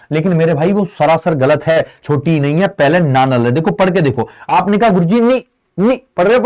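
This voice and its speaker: A man with a high voice and darkish tone teaches an online Hindi grammar lesson for exam prep. He poses questions to students, answers them in their voice, and addresses his listeners as friend and brother.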